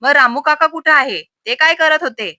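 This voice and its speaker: Irritable young husband, sharp and demanding, read by a woman; bright, dry voice. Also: high-pitched, moderate pace, no echo, voice pushed up. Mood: annoyed.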